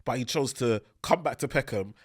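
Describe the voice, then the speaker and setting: A man's voice: mid-range voice, a little fast. A man with a London accent co-hosting a podcast in casual, informal and earnest chat. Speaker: podcast co-host.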